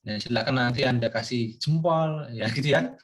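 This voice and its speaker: A man's voice: medium pitch, normal speed. Older male lecturer, rambling delivery. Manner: rambling, many fillers and questions to students. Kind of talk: recorded course lecture.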